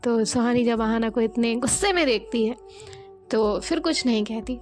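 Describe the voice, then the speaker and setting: A woman narrates a romance story in a loose, chatty way, leaning on the same fillers again and again. Her voice sits a bit high, with soft music running behind her. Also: fairly even intonation, normal speed.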